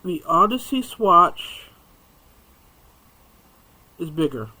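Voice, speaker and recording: A chatty man talks through his crochet work in a bright, sharp voice pitched a touch high. He rambles casually and drops muttered asides to himself as he works, picked up by a camera mic set over his hands. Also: big pitch swings, very slow, rough recording. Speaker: crochet YouTuber reviewing hooks.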